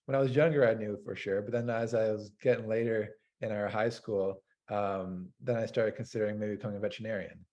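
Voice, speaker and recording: A man's voice: fairly low pitch, fairly even intonation, a little fast, hardly any pauses, darkish tone, muffled recording. A man from North America, a dairy farmer hosting an interview, talking in a hesitant, rambling way with lots of fillers. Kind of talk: casual interview chat.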